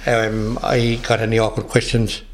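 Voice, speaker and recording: A man in his sixties with a west of Ireland accent, recalling his working life in an interview in a halting, hesitant way. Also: fairly low pitch, completely flat delivery. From Galway, west of Ireland. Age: 60s. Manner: halting, hesitant delivery with repeated words. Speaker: interviewee, retired police officer. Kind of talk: recollection in an interview.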